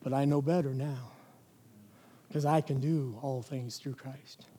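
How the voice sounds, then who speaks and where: A male preacher giving an evening sermon in a church, emphatic, stretching single words slowly and dropping to a near-whisper. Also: mid-range voice, fairly even intonation, dark tone, slightly rough, big-room sound.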